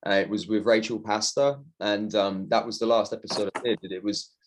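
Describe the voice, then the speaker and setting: Podcast host in his thirties, lower pitch, easygoing matey delivery. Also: steady tone, brisk. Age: 30s. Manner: laid-back, says bro and man a lot. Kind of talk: casual podcast chat.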